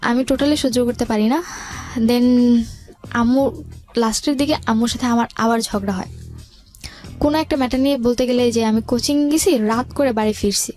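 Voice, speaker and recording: A young woman with a Bangladeshi accent, speaking as a guest, tells her life story in a chatty, colloquial way and mixes in some English words. Her voice is fairly high and a little mellow, at normal speed with long pauses. Music plays in the background.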